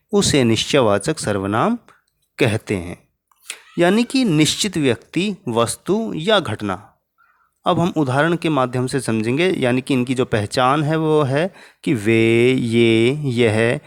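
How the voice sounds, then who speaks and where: A man teaching a Hindi grammar lesson to children, patiently spelling out each example. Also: mid-range voice.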